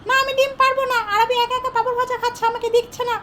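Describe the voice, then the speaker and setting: A woman's voice: extremely high pitch, flat delivery, quick pace, pitched above the performer's own voice. A woman voicing a whiny sulky pet duck. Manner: whiny, pleading, quacks. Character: sulky female pet duck refusing to lay eggs. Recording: noisy home recording.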